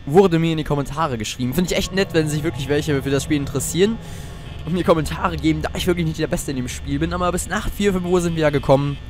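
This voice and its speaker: A man's voice: a little high, quick pace, a little mellow, soft background music. A teenage boy playing a horror game, jumpy and swearing often as he talks to his viewers. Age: teens. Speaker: let's player.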